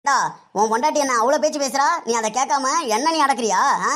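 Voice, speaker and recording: A woman's voice: high voice, fast, a bit bright. A woman playing a complaining widowed mother-in-law in a family comedy skit, with a Kanyakumari Tamil accent. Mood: quarrelsome. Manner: wailing, complaining.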